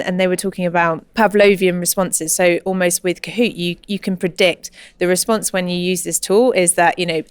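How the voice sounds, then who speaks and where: Smooth-voiced woman host asking questions. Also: fairly low pitch, no room sound. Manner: long winding questions with fillers. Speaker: podcast host. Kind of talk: interviewing a guest.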